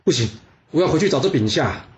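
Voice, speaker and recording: A man voicing a slow-witted, anxious ancient male ruler in a spoken history story, puzzled and sighing. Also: a little high, animated, darkish tone, lo-fi sound, lightly acted. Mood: stubborn.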